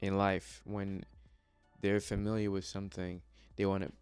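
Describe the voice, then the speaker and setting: In this motivational personal vlog, a young Congolese man from the Democratic Republic of the Congo speaks English as a non-native speaker, earnest yet hesitant, with many fillers and restarts. His voice is low, monotone, at normal speed, slightly mellow, clear and resonant. The room is dry, with soft background music.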